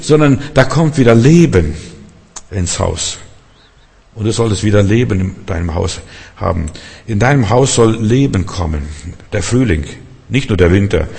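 A man's voice: on the low side, creaky, darkish tone, husky. A man preaching a sermon fervently, asking the congregation direct questions. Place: church hall in Berlin. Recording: long hall reverb.

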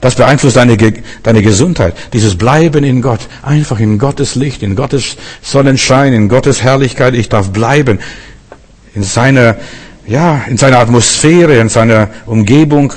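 Male preacher, husky voice, fervent and repetitive sermon, long hall reverb. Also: mid-range voice, unhurried. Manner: fervent, repetitive preaching with frequent rhetorical questions.

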